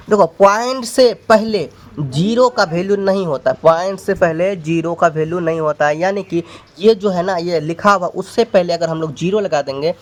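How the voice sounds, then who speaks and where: A man teaching a maths lesson step by step, repeating points and addressing students as brother. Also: sits high. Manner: repetitive, explains step by step.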